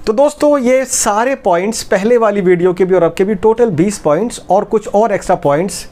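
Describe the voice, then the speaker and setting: A man's voice: sits high, a little fast, a little mellow. A man explaining step by step in a tutorial and speaking to viewers as friends. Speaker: publishing instructor. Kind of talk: tutorial talk.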